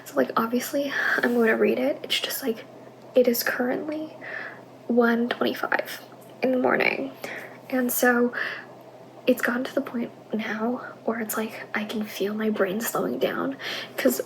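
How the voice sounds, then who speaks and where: A woman's voice: a little high, steady tone, a little slow, creaky, a little hiss or hum, rough recording. A young woman vlogging late at night from her home office, whispering so she doesn't wake anyone, with lots of casual fillers.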